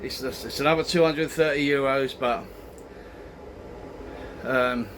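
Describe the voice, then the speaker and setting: A man's voice: mid-range voice, takes it slowly, fairly bright tone, slight background noise. A man giving a casual vlog update, grumbling and retelling conversations as he goes. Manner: grumbling, recounts exchanges as quoted dialogue. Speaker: travel vlogger.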